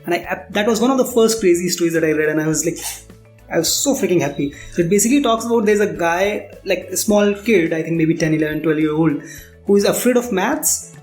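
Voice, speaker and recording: Music runs beneath this roomy, echoing recording of a startup founder being interviewed. He has an Indian accent, a high, darkish voice, and a fast way of talking, and he explains candidly while repeating phrases for emphasis.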